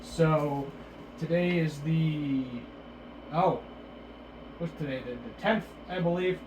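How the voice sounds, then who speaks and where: A man's voice: a little high, slow pace, background noise. A man giving a casual, unscripted recap as a video reviewer, rambling and correcting himself, his speech slightly slurred from a mouth numbed at the dentist. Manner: hesitant, rambling, self-correcting.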